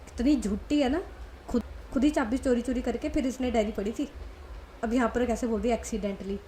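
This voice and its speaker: A woman's voice: on the high side, steady tone, fairly quick, warm tone, a little hiss or hum, lightly acted. A woman voicing a blunt, scornful young woman in a spoken love story. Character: blunt sharp-tongued young woman, friend.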